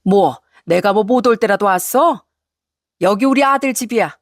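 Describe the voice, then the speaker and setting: A woman voicing a furious, domineering older mother-in-law who scolds in a shrill, shouting voice. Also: expressive, measured pace, dry recording, studio quality, close to an everyday voice. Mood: furious scolding.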